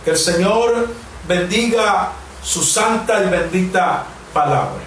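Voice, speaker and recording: Slow, earnest pastor in an echoey hall. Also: male voice, high voice, fairly bright tone. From Mexico. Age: 40s. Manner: earnest preaching with slow, emphatic repetitions. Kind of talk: sermon and prayer. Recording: very echoey room, distant mic, faint hiss.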